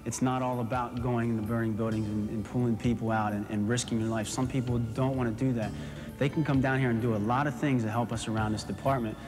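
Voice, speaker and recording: An American man in his thirties talks quickly at a medium pitch. He is a fire captain giving a documentary interview, with music clearly underneath. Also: fairly even intonation. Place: fire station beside a truck, music behind.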